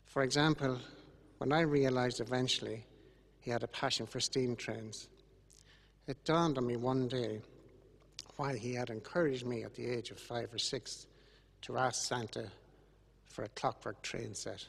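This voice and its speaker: An older man with an Irish accent gives a funeral eulogy in a solemn, measured way, with grieving gratitude. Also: mid-range voice, steady tone, gravelly. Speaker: eulogist speaking about his late brother. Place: large church, over a microphone to congregation and webcam. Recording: echoey church with long reverb.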